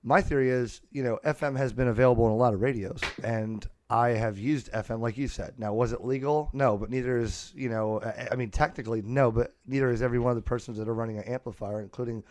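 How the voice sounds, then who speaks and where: Talking fast with few pauses, a male podcast host rambles through an unscripted hobby chat and keeps restarting his sentences. He has a slightly mellow mid-range voice with fairly even intonation, recorded close on a USB podcast microphone.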